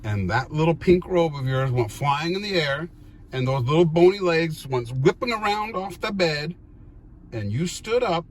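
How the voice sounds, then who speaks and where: A man's voice: on the high side, animated, moderate pace, a little hiss or hum. A man chatting casually and telling family stories in a teasing, playful, questioning way. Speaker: vlog host talking with older relatives. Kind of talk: casual chat, teasing storytelling.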